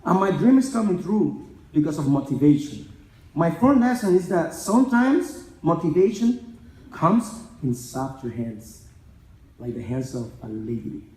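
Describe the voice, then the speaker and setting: A man's voice: fairly high pitch, very animated, unhurried, darkish tone. A young man from the Republic, giving an earnest, emotional graduation speech and repeating phrases for emphasis. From Dominican Republic. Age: young adult. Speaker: graduating student speaker. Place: large event hall. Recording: echoey hall.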